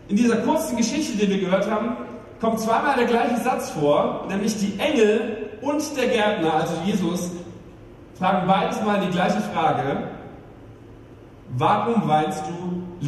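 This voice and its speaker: Male pastor, high voice, emphatic sermon delivery; distant mic, long echo, faint noise. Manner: emphatic preaching, rhetorical questions, slows down for emphasis. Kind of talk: Easter sermon.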